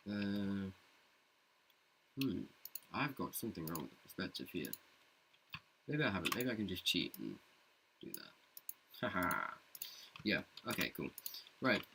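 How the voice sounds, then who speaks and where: A CG artist with a gravelly voice thinks aloud through a scene in a casual screen-recorded tutorial, chatty and poking fun at himself, sometimes joking in a deep movie-trailer voice. Keyboard and mouse clicks and other background noise can be heard.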